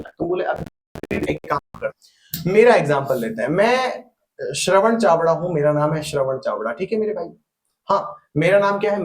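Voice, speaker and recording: High-voiced male grammar teacher, roomy echo. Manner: drills phrases by repetition, fires rhetorical questions at students. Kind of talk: classroom lecture. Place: room with a digital board.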